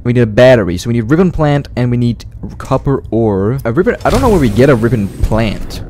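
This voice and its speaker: Animated man commentating on a video game. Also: medium pitch, a little fast, a little hiss or hum. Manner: excitable, thinks out loud, repeats himself. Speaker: gamer, let's player. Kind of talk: casual gameplay commentary.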